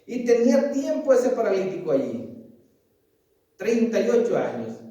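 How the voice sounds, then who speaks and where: A man's voice: high voice, huge pitch swings, measured pace, dark tone. A man preaching a sermon as pastor, earnestly pressing his listeners with repeated questions and calling them dear brother. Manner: keeps asking "¿sabes?" and calls listeners "querido hermano". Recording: echoey, distant mic.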